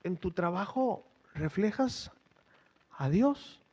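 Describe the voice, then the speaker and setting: Brief: middle-aged male preacher, chatty sermon delivery, fairly high voice. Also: animated, takes it slowly, darkish tone, slightly rough. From Mexico. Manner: conversational preaching, quizzes the congregation with rhetorical questions. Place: church.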